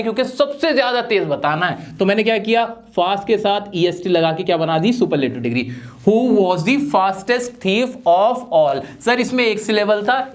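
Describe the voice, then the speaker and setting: Lively male grammar teacher. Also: sits high. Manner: lively, addresses viewers as friends. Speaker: English teacher. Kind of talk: online grammar lesson.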